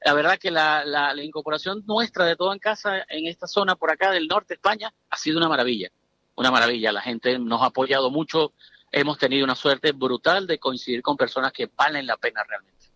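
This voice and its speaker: A man's voice: a little high, a little fast, sharp tone, no echo, low-quality recording. A middle-aged man from Venezuela, telling his story as a guest in a casual, emphatic interview chat.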